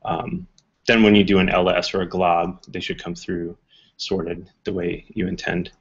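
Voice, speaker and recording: A man presenting a casual technical talk, relaxed, with many ums and uhs. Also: low voice, a little slow, gravelly, slightly rough. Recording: muffled talk recording.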